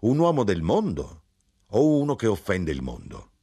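A man reading aloud voices an earnest, whimsical male knife grinder with a husky, raised voice and lively, swooping delivery. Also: on the low side, moderate pace, voice pushed up, heavily acted. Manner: wondering, musing, bursts of exclamation.

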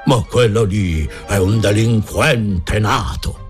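A man voicing a fussy, indignant gentleman outraged over his ruined hat. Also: on the low side, takes it slowly, soft background music.

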